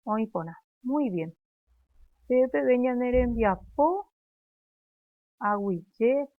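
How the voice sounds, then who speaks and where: A woman with a Paraguayan accent teaching a language class, speaking slowly and clearly and repeating phrases for students to echo. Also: on the high side, expressive. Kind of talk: classroom lesson, drilling conjugations. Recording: dry, phone-like narrow sound.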